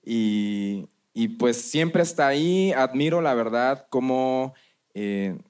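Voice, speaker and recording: A man talks casually on a podcast among friends. He speaks softly and hesitantly, reflecting as he goes. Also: medium pitch, animated, slow pace, clear, resonant tone.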